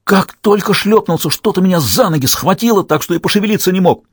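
A man's voice: high-pitched, lively intonation, quick pace, slightly rough, no echo, clean studio sound, pitched above the performer's own voice. A man doing a screaming terrified young soldier. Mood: shaken. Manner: screaming, stammering in terror. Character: panicked young male strelets soldier.

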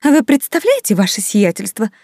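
Woman voicing a gossiping baroness, indignant, high and lively, dry recording. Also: normal speed, dry recording, lightly acted. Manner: outraged, rising pitch.

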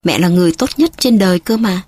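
A woman's voice: fairly low pitch, animated, quick pace, darkish tone, dry recording. A woman reading the part of a worried young female tutor who presses a child with urgent questions, in an audiobook. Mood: pressing.

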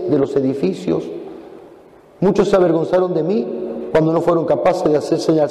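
Argentine priest, animated sermon for kids, deep-toned warmth, roomy echoing church. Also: male voice. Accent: Argentine, from Mendoza. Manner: animated, acts out dialogue in shifting pitch. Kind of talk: sermon to children. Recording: echoey church with long reverb.

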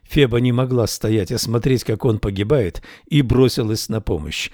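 A man narrating a fantasy audiobook in a measured, steady storytelling manner. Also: medium pitch, no echo, studio quality.

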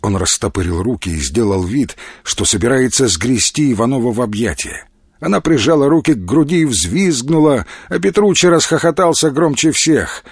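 A man narrating a literary novel as an audiobook in a measured, expressive way. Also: mid-range voice, breathy edge, no echo, clean studio sound.

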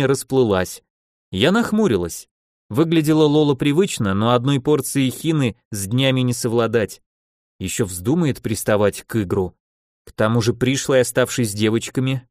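Man reading an audiobook, pitch goes all over, really dry close mic. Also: darkish tone, dry recording. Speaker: audiobook narrator. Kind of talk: audiobook narration.

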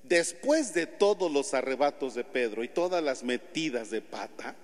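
A priest with a Mexican Spanish accent preaching a homily in a church, telling stories with lively acted-out scenes. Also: male voice, mid-range voice, moderate pace. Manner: animated storytelling, acts out scenes. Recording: long church reverb.

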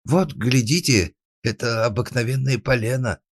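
An actor playing a timid, frightened carpenter who pleads and stammers in an audiobook. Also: male voice, mid-range voice, normal speed, no echo, lightly acted. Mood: pleading. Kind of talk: audiobook character acting.

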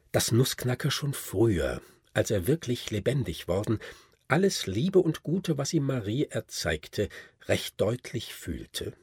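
Male audiobook narrator, expressive, very husky, breathy, dry studio sound. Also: lowish voice, no room sound. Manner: expressive, lively storytelling. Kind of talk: scripted narration.

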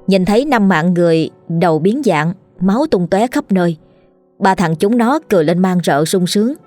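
A woman narrating a scripted ghost story in a steady, measured way. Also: on the low side, dry recording, soft background music.

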